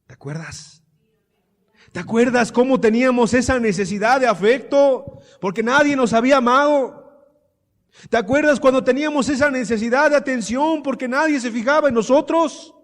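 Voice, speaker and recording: A man preaching a sermon, moving between quiet, hushed teaching and loud, impassioned passages full of repeated rhetorical questions. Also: very high-pitched, normal speed, in a large hall. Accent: Colombian Spanish.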